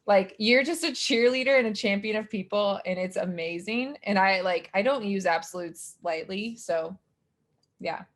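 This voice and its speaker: A woman's voice: medium pitch, normal speed. A woman in her twenties from Utah, a grad student hosting a podcast, chatty and gushing toward her guest. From Utah, United States. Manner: warm, gushing, chatty with fillers. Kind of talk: casual podcast interview.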